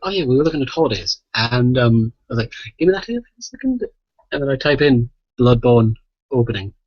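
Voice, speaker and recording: A podcast host with a medium-pitched voice tells rambling, sweary anecdotes at a brisk pace, animated in casual chat and often checking in with "right?". The voice-chat recording sounds muffled and echoey.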